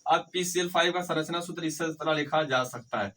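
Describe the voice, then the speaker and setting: A man with a fairly high voice teaches chemistry at a board. He keeps asking his students questions, answers them himself, and repeats the terms so they stick. His tone stays encouraging, and the mic sits a little away from him. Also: brisk, fairly bright tone, far from the mic, rough recording. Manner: encouraging, addresses students fondly. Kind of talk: whiteboard lecture.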